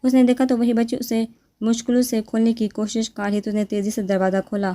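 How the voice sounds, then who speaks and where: A woman narrating a romance novel aloud, reading in an even, unhurried manner. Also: on the high side.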